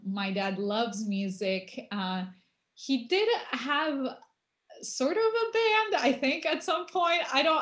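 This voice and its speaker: A young woman who grew up in Argentina, a musician answering interview questions in an unhurried way with many pauses. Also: on the high side. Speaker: guest musician. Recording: roomy echo.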